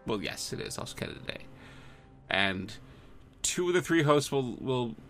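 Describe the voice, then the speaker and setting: A man's voice: medium pitch, very animated, moderate pace, a bit bright, soft background music. A man hosting a casual podcast chat, playful and a bit rambling. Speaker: podcast host.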